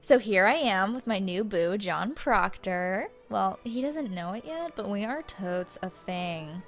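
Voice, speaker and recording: A woman's voice: medium pitch, expressive, unhurried, soft background music. A young woman playing a bubbly, slangy female ghost who vlogs her afterlife in a breezy, flippant valley-girl manner for a comedy web series. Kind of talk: comic vlog monologue.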